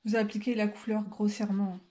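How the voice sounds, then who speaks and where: A woman casually explaining a coloring technique step by step, talking to her viewers with frequent hesitant filler pauses and chatty asides. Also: mid-range voice, level tone, warm tone. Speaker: coloring tutorial creator.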